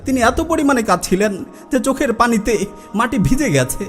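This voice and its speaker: A man's voice: very high-pitched, sing-song, moderate pace, fairly bright tone, faint music behind. A man preaching a sermon, telling a story with dramatic, impassioned delivery of quoted lines. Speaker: Islamic preacher.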